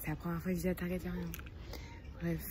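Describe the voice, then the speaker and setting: A woman's voice: fairly low pitch, flat delivery, rapid-fire, background noise. A woman in her twenties chatting casually in a vlog, slangy and rambling. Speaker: vlogger.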